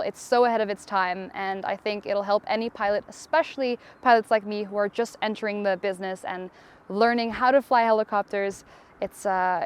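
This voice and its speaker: Woman pilot from Tanzania, smooth clear voice, eager testimonial delivery with small restarts. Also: mid-range voice. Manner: enthusiastic, with a few fillers and restarts. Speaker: helicopter pilot. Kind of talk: promotional testimonial.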